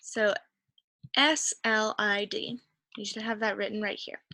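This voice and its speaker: A woman's voice: medium pitch, steady tone, measured pace, creaky, pushed and bright, dry recording. A woman teacher patiently going through a reading worksheet, encouraging students and thinking aloud as she searches the text. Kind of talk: reading comprehension lesson.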